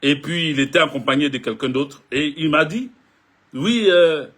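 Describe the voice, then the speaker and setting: Husky man chatting to viewers. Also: on the high side, normal speed, fairly bright tone. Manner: joking, chatty, addresses viewers directly. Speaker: political video blogger. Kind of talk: casual monologue to viewers.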